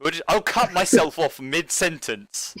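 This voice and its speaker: A man's voice: on the high side, expressive, measured pace, over a noisy crowd. A man co-hosting and editing a casual podcast, teasing and laughing often. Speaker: podcast co-host and editor.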